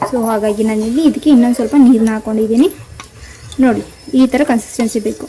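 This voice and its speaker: A woman hosting a cooking channel, calmly talking viewers through a recipe step by step. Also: fairly high pitch, fast, noisy background. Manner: calm step-by-step instructing, addresses viewers directly. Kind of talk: cooking demonstration voice-over.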